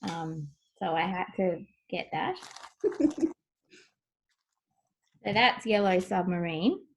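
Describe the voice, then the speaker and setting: A woman's voice: fairly low pitch, big pitch swings, takes it slowly, a little hiss or hum, rough recording. A middle-aged woman chatting casually as she shows things on a video blog, recorded at home over a video call. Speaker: co-host of a craft video blog. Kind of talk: casual show-and-tell chat.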